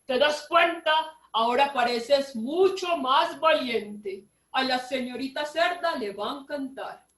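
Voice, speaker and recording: A woman's voice: sits high, takes it slowly, a bit bright, echoey room, far from the mic. A woman voicing a proud lion in a storybook reading. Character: proud lion giving advice.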